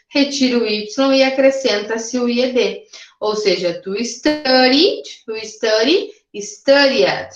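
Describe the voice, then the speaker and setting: A woman's voice: on the high side, roomy sound, muffled recording. A woman teaching an English grammar lesson to her class, explaining patiently step by step and checking in with the students often. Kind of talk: recorded remote grammar lesson.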